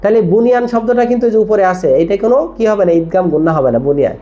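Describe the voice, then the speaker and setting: A mellow-toned recitation teacher gives a patient tajweed lesson, sounding words out letter by letter and repeating the drills. Short check-in questions come often. The recording is dull and lo-fi. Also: medium pitch, animated, rapid-fire. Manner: asks frequent check-in questions.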